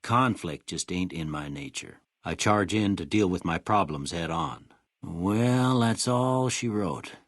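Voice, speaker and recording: An older male actor voicing a kindly, wry small-town doctor in a video game, with a folksy American rural Western drawl and a raspy voice. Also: sits low, expressive, no room sound, clean studio sound, heavily acted. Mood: calm, measured. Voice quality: raspy, gravelly. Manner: folksy, unhurried, plainspoken. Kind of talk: video game character dialogue.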